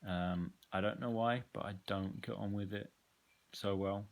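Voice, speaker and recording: A man with a fairly low voice talks through his effects pedals at a slow, easy pace. He rambles, fills gaps with ums, and gives blunt, offhand opinions. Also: fairly even intonation, creaky. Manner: loose and rambling, frequent ums, candid opinions. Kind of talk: casual gear walkthrough.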